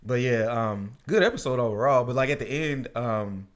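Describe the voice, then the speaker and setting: A young man recaps episodes in easygoing slang, laughing as he goes. He speaks at a middle pitch and slips into lively imitations of characters when a scene excites him. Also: moderate pace. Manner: laid-back, laughs often, slangy, acts out characters' lines. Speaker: podcast co-host. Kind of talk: casual anime review chat.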